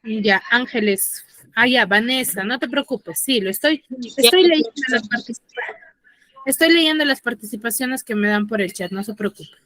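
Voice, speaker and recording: A woman's voice: fairly high pitch, animated, moderate pace, a bit bright. A woman teaching an online class, explaining step by step and checking in with her students. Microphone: computer mic on a video call.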